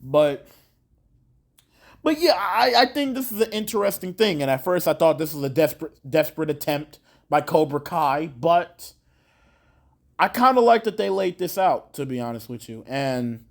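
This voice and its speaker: A man's voice: high-pitched, vocal fry. A man talking through his thoughts on a show in a casual, rambling way, with many fillers and restarts and some casual swearing. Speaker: show reviewer. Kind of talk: casual video review.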